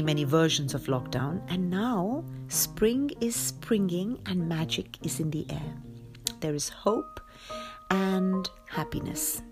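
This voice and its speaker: A woman with a slightly low voice reads and chats as a children's storytelling host. Her manner is cheery and affectionate toward young listeners. Plucked guitar music plays clearly behind her. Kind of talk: reading and chatting for children.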